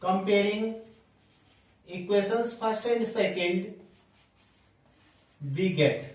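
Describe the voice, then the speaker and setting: A man teaching a maths class at the board, dictating each step slowly and spelling out angle letters, mixing in English terms. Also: extremely high pitch. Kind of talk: blackboard lesson, dictating steps slowly. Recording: echoey room, voice from a distant mic.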